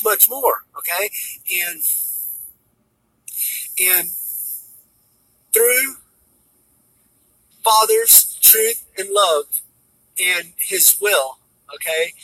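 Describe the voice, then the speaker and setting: A man's voice: sits high, creaky, pushed and bright, no echo, low-quality recording. A man giving a rambling spiritual monologue, tagging "okay?" onto nearly every phrase and often repeating and restarting his words. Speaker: spiritual speaker.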